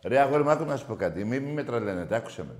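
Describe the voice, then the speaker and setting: A man hosting a call-in sports radio show, loud and mocking as he argues with callers. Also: medium pitch, animated, roomy sound. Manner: loud, shouting and mocking rival fans. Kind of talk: heated call-in sports banter.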